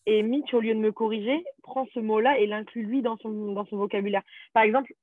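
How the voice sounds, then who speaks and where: A woman's voice: fairly high pitch, steady tone, brisk, no room sound. French-speaking woman chatting over a tinny line. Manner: chatty, storytelling, many fillers. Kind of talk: casual chat.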